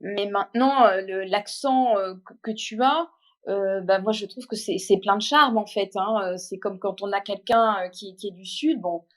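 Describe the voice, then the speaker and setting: A woman from northern France speaks in a casual online audio room. She hesitates often and restarts her sentences, at a middle pitch. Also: normal speed. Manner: hesitant, many fillers and restarts.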